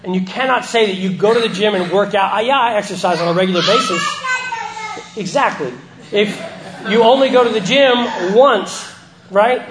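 A man with a high voice talks through missing front teeth, giving a personal testimony to a recovery group. He is plain-spoken, halting and self-deprecating, with some swearing. There is noticeable background noise. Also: poor audio. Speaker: recovery meeting speaker.

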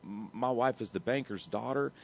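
A man's voice: mid-range voice, normal speed, vocal fry, a little hiss or hum. A man, sharing his recovery story in a candid, emotional, rambling way, often saying "man" and swearing casually. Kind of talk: candid personal testimony.

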